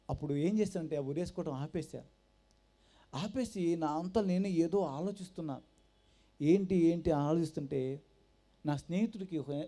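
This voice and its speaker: A man giving his personal testimony at a church gathering, telling his story with animated storytelling and acting out the voices of the people in it. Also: a little high. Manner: animated storytelling that acts out quoted dialogue. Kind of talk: personal testimony told to a congregation.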